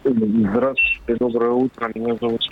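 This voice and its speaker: A man's voice: mid-range voice, flat delivery, moderate pace, gravelly. A man calling in to a radio show over a crackly phone line that keeps breaking up, asking his question hesitantly and restarting his sentences. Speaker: caller. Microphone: telephone. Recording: lo-fi phone call with dropouts.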